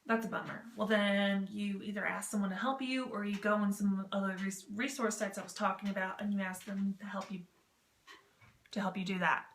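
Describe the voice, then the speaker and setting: Speaking a little fast in a level, slightly bright mid-range voice, this woman hosts a chatty vlog explainer about written role-playing. Her style rambles and stays casual, full of self-deprecating jokes, and the recording carries noticeable background noise and a roomy echo.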